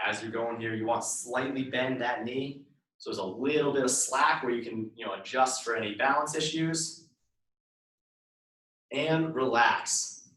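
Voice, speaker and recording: A male workout instructor leads a live class with short, repeated step-by-step cues and counts down reps. His mid-range voice is a bit bright and measured in pace, heard far from the mic in an echoey room.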